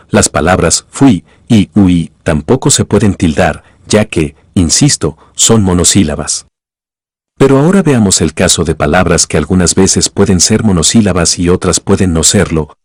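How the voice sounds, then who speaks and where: A man with a very deep, slightly husky voice narrates a scripted grammar lesson. He explains rules in a measured, teacherly way and reads example sentences aloud. The voice-over sounds dry and close to the mic. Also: a little mellow, no echo. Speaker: language teacher.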